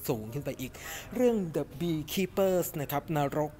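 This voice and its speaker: A middle-aged man giving a casual, animated film review to camera in a cinema lobby, chatting with lots of fillers. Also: fairly high pitch, slow. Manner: chatty and animated, refers to himself by nickname, many fillers. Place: cinema lobby in front of a movie poster, indoors.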